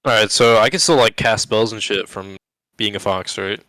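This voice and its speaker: A man's voice: lowish voice, moderate pace, pushed and bright, no room sound. A man playing a tabletop game over an online voice call, laid-back and drawling. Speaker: player. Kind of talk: casual tabletop play.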